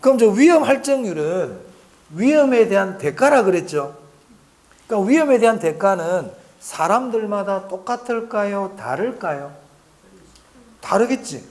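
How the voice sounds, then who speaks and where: A man's voice: sits high, very animated, measured pace, darkish tone. A middle-aged man giving an exam-prep lecture in a chatty manner, often asking the class questions and answering them himself, and repeating key points for emphasis.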